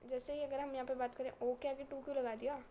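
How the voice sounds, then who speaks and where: A woman's voice: high-pitched, level tone, fast talker, mellow, a little hiss or hum. A woman science teacher lecturing in a casual, teasing and scolding way, repeating her points and mixing in terms. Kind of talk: classroom lecture.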